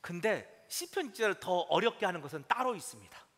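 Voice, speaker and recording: A male pastor with a very high, bright voice preaches a middle-aged sermon full of feeling. His pitch leaps up and down as he moves from hushed asides to fervent, near-shouted appeals. A long church reverb trails every phrase. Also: sing-song, a little fast. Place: church sanctuary.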